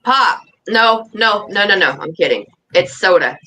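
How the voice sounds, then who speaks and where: A woman's voice: mid-range voice, expressive, unhurried, sharp tone, low-quality recording. A blunt, teasing woman chatting casually with friends. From lived in North Dakota about half her life. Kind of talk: casual chat. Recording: some background noise.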